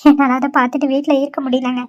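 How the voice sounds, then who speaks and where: A woman's voice: high voice, little pitch movement, racing, muffled recording, close to an everyday voice. A woman voicing a sorrowful young woman in a cartoon who is mistreated at home. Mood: sad. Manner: sorrowful, despairing. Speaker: cartoon character.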